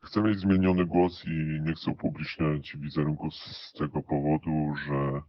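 Disguised by a voice changer that drops his pitch, a man gives recorded interview answers with little pitch movement. Drawn-out "e" fillers punctuate his frequent, hesitant pauses, and the muffled lo-fi audio carries no room sound.

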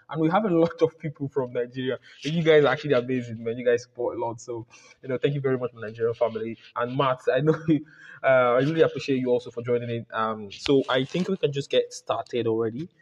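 Male book club host, rambling and loose, average pitch, dull lo-fi call audio. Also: a little hiss or hum. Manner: rambling, many restarts and fillers. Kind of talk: casual voice chat hosting. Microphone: home mic on voice call. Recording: lo-fi voice chat audio.

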